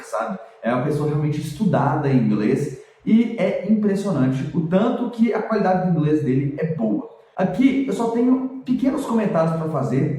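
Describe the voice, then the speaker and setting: A man, an English teacher, explaining pronunciation points in a chatty, lively way and demonstrating sounds. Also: medium pitch, very echoey, recorded from a distance, rough recording. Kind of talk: explanatory video lesson.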